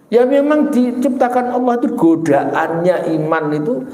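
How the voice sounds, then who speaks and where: Animated preacher man, echoey room. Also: normal speed. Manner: animated storytelling with sudden pitch jumps. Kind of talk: sermon.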